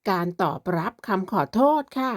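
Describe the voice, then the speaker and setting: A woman's voice: normal speed, dry recording, studio quality. A woman teaching a beginners' language lesson, explaining politely and patiently and drawing out each example word. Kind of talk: slow beginner lesson narration.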